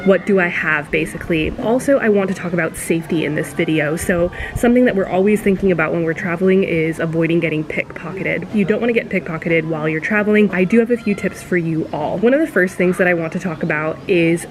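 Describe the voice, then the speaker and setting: A woman vlogs from a hostel room, explaining things to her viewers in an easy, chatty way. Her voice sits a little low. It comes through a built-in camera mic, so the sound is low quality with a steady noise floor. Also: fast, few pauses. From United States. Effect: low-quality audio from a built-in camera mic. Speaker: travel vlogger. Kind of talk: casual show-and-tell to camera. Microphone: built-in camera mic, no external mic.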